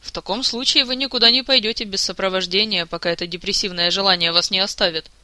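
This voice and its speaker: A man voicing a stern, formal old court wizard who scolds others in measured, reproachful tones. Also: high voice, fairly even intonation, sharp tone, clean tone, no echo.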